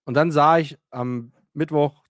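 In a dry studio-quality recording, a man with a voice on the high side tells a story during casual chat at a measured pace. He rants animatedly, acts out quotes, swears casually, and uses many fillers.

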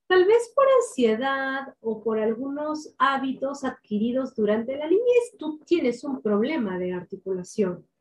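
Woman speaking coach, slightly high voice, unhurried, precise diction, instructional. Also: very animated. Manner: slow, deliberate, clearly articulated delivery. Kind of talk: instructional tips to camera.

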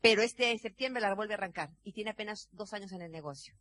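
A middle-aged woman tells a story on stage at a business seminar, acting out voices and often shouting. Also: mid-range voice, a little fast, no echo. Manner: animated, acts out quotes, often shouts. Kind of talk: motivational storytelling talk.

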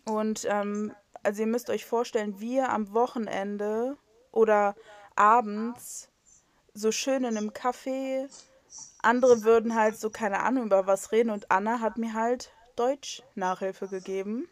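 A young woman from North Rhine-Westphalia in western Germany co-hosts a casual podcast over a video call, rambling and poking fun at herself with lots of fillers and restarts. Her voice is a little high, steady, and unhurried.

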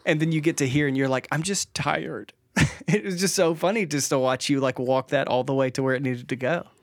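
A playful young man co-hosting a podcast with his wife, full of jokes and lively quoted asides. His voice sits fairly high for a man and is recorded close and dry. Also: fast talker, no echo. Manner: playful, joking, animated storyteller. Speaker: podcast co-host. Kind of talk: casual conversation with spouse.

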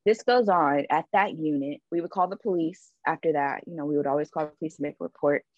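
A woman's voice: low-pitched, quick pace, no room sound. Candid woman telling a story, muffled audio. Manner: candid and emphatic, many "like" and "right?" asides. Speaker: podcast guest. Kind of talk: personal storytelling in conversation.

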